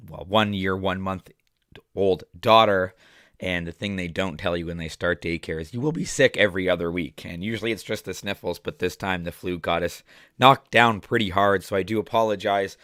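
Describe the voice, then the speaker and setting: A man in his thirties, hoarse from the flu, hosting a chatty sports betting podcast and clearing his throat often. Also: low-pitched, normal speed, a bit bright, dry recording, studio quality. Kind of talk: casual betting picks talk.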